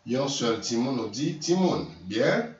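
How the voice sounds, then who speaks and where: Slow man teaching from across an echoey room. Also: mid-range voice, big pitch swings. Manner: slow, repeats words, self-corrects, stresses key words. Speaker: language teacher. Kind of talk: slow multilingual vocabulary lesson. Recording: distant echoey room, dull lo-fi sound.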